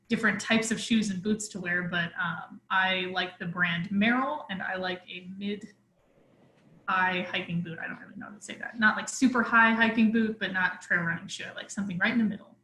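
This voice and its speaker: Woman, chatty, hesitant, bright tense voice, echoey room. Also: mid-range voice. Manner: chatty, hesitant, lots of fillers. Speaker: guest answering questions. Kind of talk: casual webinar Q&A.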